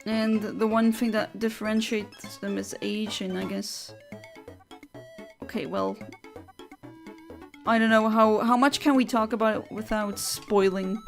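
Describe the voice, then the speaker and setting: A woman's voice: mid-range voice, fairly even intonation, measured pace, gravelly, long pauses, soft background music. A young woman from Luxembourg, chatting on a livestream headset mic, reading out viewer comments and giggling between rambling asides.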